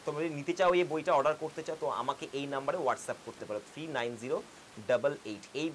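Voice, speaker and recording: A man's voice: fairly high pitch, slight background noise. A young man teaching an exam-prep English lesson with a Bengali accent, coaxing and speaking straight to his students. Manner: quick, coaxing, addresses students directly.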